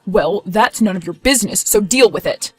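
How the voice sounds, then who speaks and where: A woman voices a widowed stepfather in story dialogue. He is brash, combative and defensive, pushing back loudly with indignation. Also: mid-range voice, lively intonation, moderate pace, breathy edge, faint music behind.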